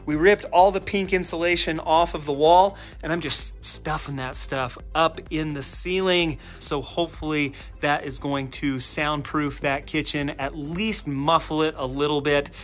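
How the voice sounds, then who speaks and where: Talking unhurriedly and with few pauses, this slightly high-voiced man in his thirties keeps his intonation fairly even while showing "you guys" his indoor basement renovation on a handheld camera. He's a physical therapist and fitness channel host, upbeat and enthusiastic in this casual vlog. The camera mic, often at arm's length, catches echo off bare walls plus faint music.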